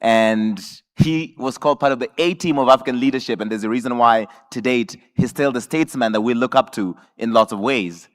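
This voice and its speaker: Male panel moderator, courteous and smooth at handovers, his voice ringing in a long conference-hall reverb. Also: mid-range voice, a little fast, few pauses. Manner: courteous, introduces the next speaker.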